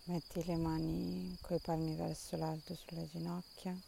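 A woman leading a guided meditation in a soft, calm, soothing voice with long pauses between instructions. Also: low voice, vocal fry, slight background noise.

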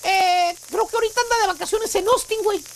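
A woman with a Mexican accent and a piercing, very high voice hosts a radio comedy show. She tells a story in rowdy slang, teasing her co-hosts and shouting her asides. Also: fast talker, creaky, slight background noise. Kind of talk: comic storytelling on morning radio.

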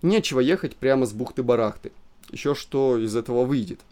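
A man voicing a pompous, self-important official who speaks calmly and in measured phrases. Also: medium pitch, lightly acted. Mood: pompous, composed.

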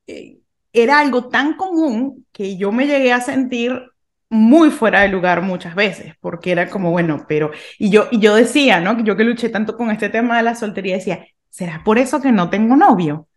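A woman's voice: mid-range voice, animated, moderate pace. Reflective Venezuelan-born woman, thinking aloud. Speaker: podcast co-host. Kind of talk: casual faith discussion.

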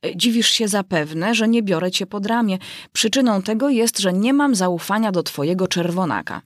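A woman voicing a fawning, flattering old duchess in an audiobook. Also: medium pitch, normal speed, no echo, studio quality, natural voice. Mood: ingratiating. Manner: ingratiating, flattering.

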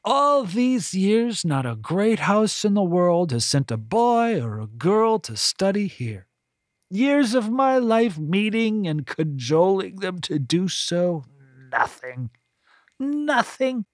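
A narrator voicing a pompous, bitter middle-aged woman high priestess who talks in a haughty, drawn-out sneer. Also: sing-song, dry recording, studio quality. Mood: scornful.

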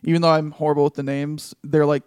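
A man's voice: on the high side, little pitch movement, darkish tone, smooth, no room sound. A man in casual gaming chat, joking and swearing freely. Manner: quick, profane, jokey.

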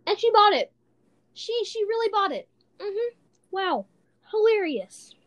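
A woman's voice: very high-pitched, very animated, a little slow, fairly bright tone, lo-fi sound. A woman co-hosting a casual chat podcast, telling rambling stories with lots of giggles. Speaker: podcast co-host.

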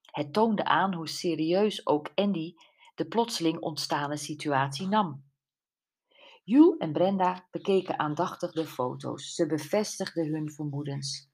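A woman reading a mystery audiobook in a calm, measured way. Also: deep voice, husky. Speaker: audiobook narrator. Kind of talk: scripted audiobook narration.

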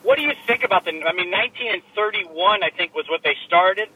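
A man co-hosting a casual sports chat over a low quality remote stream from a laptop in his car, talking in a joking, chatty way with plenty of filler words. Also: fast talker, crowd noise, low-quality recording. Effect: low quality remote stream audio. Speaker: sports podcast co-host. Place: inside a parked car. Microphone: laptop microphone.

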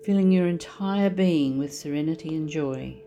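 A woman leading a guided meditation, speaking softly and soothingly as she talks the listener through relaxing the body. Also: low-pitched. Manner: slow, soft and soothing. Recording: soft music underneath.

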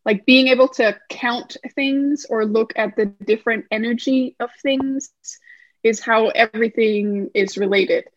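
A woman from Denmark speaks as a podcast guest, explaining her work in a thoughtful, searching way. Her voice is a touch high, recorded dry and somewhat dull, like a lo-fi home mic. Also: no room sound. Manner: thoughtful, explanatory, many fillers. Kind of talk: podcast interview.

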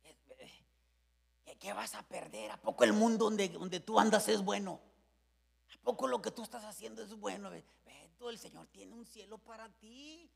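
A male preacher voicing an earnest young man softly coaxing a friend to come to church. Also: sits high, normal speed, creaky, crowd noise.

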